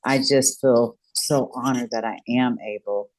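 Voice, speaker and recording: A woman's voice: very deep voice, steady tone, a little slow, darkish tone, poor audio. A woman hosts a podcast conversation in a reflective, encouraging tone. She thinks aloud in long, flowing sentences. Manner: reflective, encouraging, talks in long run-on thoughts. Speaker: podcast host. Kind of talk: conversational interview.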